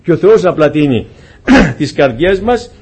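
A man's voice: on the high side, big pitch swings, a little mellow, breathy edge. A man preaching a sermon to his congregation, earnest and pleading, often asking them questions.

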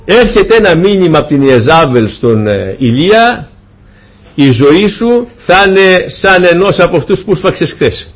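A man preaching a sermon, retelling a scripture story in lively, humorous fashion and acting out the dialogue. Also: high-pitched.

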